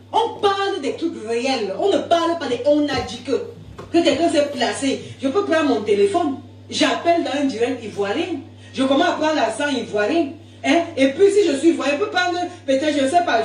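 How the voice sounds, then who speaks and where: A woman's voice: high-pitched, roomy sound, recorded from a distance. A woman giving indignant, rambling live commentary, repeating words as she argues.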